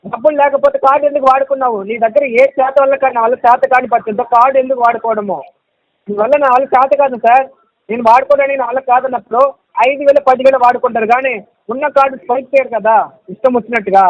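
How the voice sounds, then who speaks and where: A man's voice: very high-pitched, steady tone, racing, dry recording. A loan recovery agent, a man, arguing on a phone call and insisting on repayment, talking over the other man and repeating the sums. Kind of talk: heated phone argument. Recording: muffled phone call recording.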